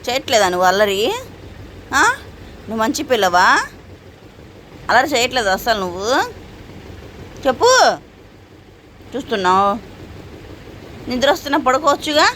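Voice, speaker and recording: A woman with a high voice chats to her pet dog at home. She teases and scolds it the way one talks to a small child. Faint noise sits behind her. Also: expressive, normal speed, pauses often, a bit bright. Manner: coaxing, teasing scolding as if to a child. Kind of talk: casual talk to a pet and to viewers.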